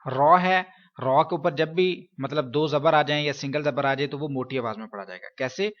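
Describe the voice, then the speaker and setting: Man drilling letter sounds, slow and dull-toned. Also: medium pitch. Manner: slow drawn-out letter drills between quick explanations. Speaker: Quran reading teacher. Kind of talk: recitation lesson.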